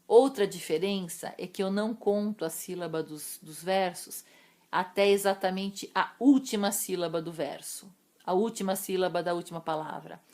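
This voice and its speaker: A woman's voice: lowish voice, a little mellow. Brazilian woman teacher explaining poetry. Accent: Brazilian Portuguese. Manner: explanatory, addresses students directly. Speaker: literature teacher. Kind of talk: recorded class lesson.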